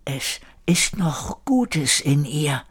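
A man voicing a weak, wounded old man in an audio drama, speaking in a breathy whisper. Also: on the high side, big pitch swings, drawn-out words, pitched above the performer's own voice, exaggerated voice.

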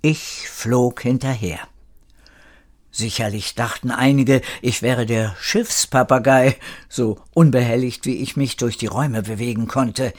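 A man reading a children's story aloud in a calm, measured way. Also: mid-range voice. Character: old parrot narrator recalling the past. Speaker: narrator.

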